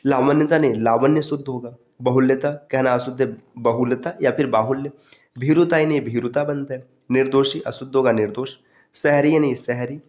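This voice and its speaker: A man's voice: medium pitch, a little fast. Guy teaching an exam prep lesson, goes through words one by one, calls his students friends. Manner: steady drilling, addressing students as friends. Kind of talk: online lesson.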